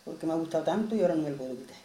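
A frightened young girl pleading through tears in a told folk tale, voiced by a woman storyteller. The voice stays low-pitched and mellow, close to the teller's own. A roomy echo surrounds it. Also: lively intonation, rapid-fire. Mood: tearful. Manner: plaintive, distressed.

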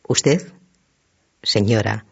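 A stern, commanding judge questions the accused, as a man reads his lines. The voice is hard and husky. The recording is dull and lo-fi. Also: lowish voice, extremely slow, darkish tone, full character voice.

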